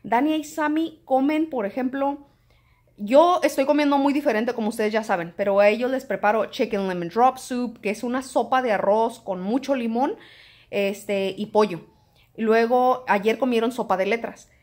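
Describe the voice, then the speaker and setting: A woman, chatting to camera in a home vlog and telling stories in an animated way. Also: fairly high pitch, normal speed. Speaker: home vlogger. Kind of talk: casual chat to camera.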